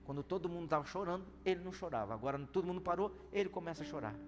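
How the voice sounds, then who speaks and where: A man preaching a sermon as pastor, telling a story in an animated way that swings between loud and hushed. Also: high-pitched, racing. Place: church service hall. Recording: reverberant church hall with soft music.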